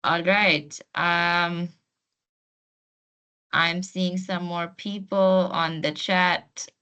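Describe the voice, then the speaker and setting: This woman runs an online class on a video call as host and trainer, keeping things informal and urging people to join in. She speaks very slowly in a steady, fairly low voice that is sharp, clear and resonant.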